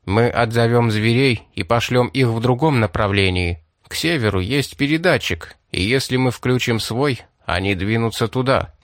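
A cold, scheming outlaw leader, read by a man narrating a story lays out his terms in a curt, businesslike way. His voice stays at an ordinary middle pitch. The recording is dry and close. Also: normal speed, few pauses, no room sound, close to an everyday voice.

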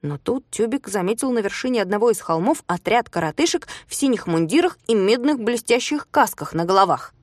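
A woman's voice: medium pitch, brisk, few pauses, no echo. A woman narrating a children's story aloud, reading expressively and voicing the characters. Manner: expressive, shouts character lines. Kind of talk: storybook reading with acted dialogue.

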